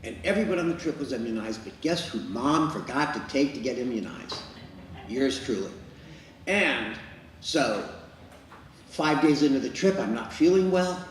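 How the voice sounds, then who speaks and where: A man's voice: medium pitch, animated, normal speed. A man in his sixties, an improv performer, telling a chatty anecdote and acting out the quotes. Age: 60s. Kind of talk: storytelling monologue. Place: improv venue. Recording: echoey room, mic far off, faint noise.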